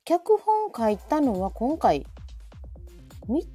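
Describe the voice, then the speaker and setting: A woman with a Kansai Japanese accent hosts a live audio stream, chatting casually, asking questions, and reacting often. Her voice sits high and is very animated, with drawn-out words, and soft music plays in the background.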